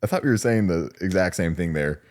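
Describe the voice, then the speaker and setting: A young man with a very deep voice jokes and teases in casual podcast banter. His pitch swings widely as he talks, and he laughs easily. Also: a little fast. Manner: teasing, laughs often, expressive. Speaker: podcast co-host. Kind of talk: casual chat.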